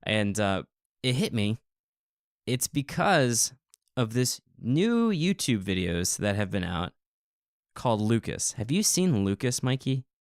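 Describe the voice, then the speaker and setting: Gravelly excitable podcast host, dry sound. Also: male voice, medium pitch, slow pace, dry recording. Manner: excitable, playful teasing. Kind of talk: casual chat.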